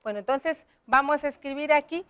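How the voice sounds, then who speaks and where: A woman, teaching children slowly and step by step, often checking in with them. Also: sits high, a bit bright. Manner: slow, explaining step by step, addressing children. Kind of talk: classroom lesson.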